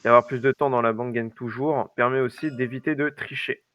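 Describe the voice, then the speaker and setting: A man's voice: mid-range voice, fairly even intonation, fairly quick, a bit bright, no room sound. A man chatting casually as a player in a tabletop game, announcing his moves and explaining choices. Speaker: player in a cooperative card game.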